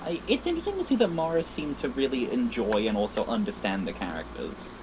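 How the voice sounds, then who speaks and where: A podcast co-host who chats and teases, with a middle-pitched voice that moves up and down a lot. A soft hiss of noise sits behind the voice. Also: very animated, a little fast. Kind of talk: casual chat.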